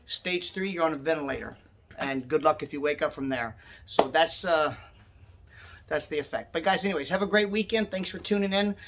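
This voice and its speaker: A man's voice: fairly high pitch, a little fast, a bit bright, slight background noise. A man hosting a personal finance channel, talking casually and earnestly straight to his viewers and calling them "guys", a little winded as he speaks. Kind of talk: casual direct-to-viewer talk.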